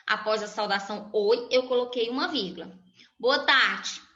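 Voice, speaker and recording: A woman teacher giving a slow, step-by-step recorded grammar lesson for children. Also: medium pitch. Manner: slow, explanatory, spells out each example. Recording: echoey room, dull lo-fi sound.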